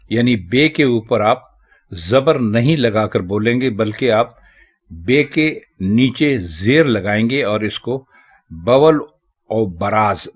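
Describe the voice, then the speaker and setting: A man teaching Urdu, explaining correct spelling and pronunciation of common words in a measured, deliberate way. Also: mid-range voice.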